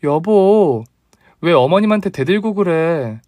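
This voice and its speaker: A man voicing a polite, hesitant young daughter-in-law in a dramatized story, speaking higher than his own voice. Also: animated, takes it slowly, a little mellow, no room sound, studio quality.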